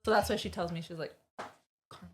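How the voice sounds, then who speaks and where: A woman's voice: lowish voice, racing, slight background noise. A woman in her thirties, a podcast co-host, telling a childhood story in a chatty way, full of "like" and "you know.". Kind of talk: casual chat, storytelling.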